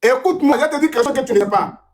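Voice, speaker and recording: A man's voice: extremely high pitch, very fast. A man, lecturing and repeating himself insistently in a heated online argument. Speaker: TikTok debater. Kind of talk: heated live-stream argument.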